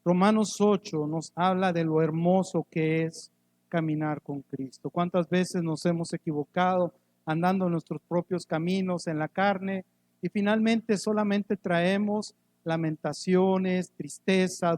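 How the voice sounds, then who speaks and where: High-voiced pastor preaching. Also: male voice, unhurried. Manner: emphatic preaching with sudden loud rises and soft drops; rhetorical questions to the congregation, light humor. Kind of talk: sermon. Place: church.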